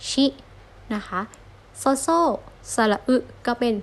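A young woman giving a friendly online lesson, patiently sounding out syllables one at a time for learners. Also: takes it slowly. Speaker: Japanese language teacher.

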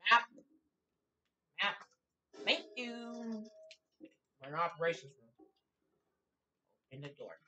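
A woman narrating her own horror game playthrough, with a bright, sharp tone. She reads documents aloud haltingly, then jumps to loud startled cries. Her voice sits a little away from the mic. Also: medium pitch, animated, far from the mic, slight background noise, poor audio. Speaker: gaming streamer. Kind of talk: let's play commentary.

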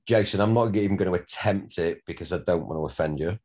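Low-voiced Northern director giving notes. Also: male voice, fast, a little mellow. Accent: Northern English. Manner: rambling, repeats words, swears casually. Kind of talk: giving notes at a script read.

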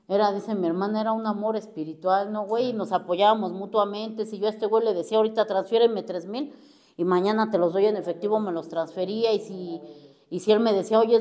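A woman's voice: mid-range voice, darkish tone. A middle-aged woman with a Mexico City accent shares her personal recovery testimony at an AA group. She speaks bluntly in crude street slang and swears constantly as she talks to the room. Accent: Mexico City Spanish. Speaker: AA member giving testimony.

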